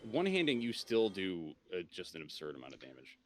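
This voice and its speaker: A man with a fairly low voice and very lively intonation talks casually through a co-op game. He is informal and loose in his wording, with faint noise behind him. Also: fairly quick. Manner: informal, swears freely. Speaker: game streamer guiding co-op players. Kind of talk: casual gaming chat.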